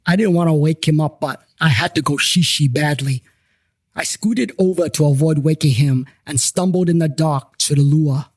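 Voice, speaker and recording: Speaking at an ordinary pace in a higher-leaning voice, the narrator and host of a paranormal investigations series delivers a scripted funny story about himself, with cheeky, knowing remarks to his audience. The studio-quality recording has no room sound, just plucked guitar music behind him.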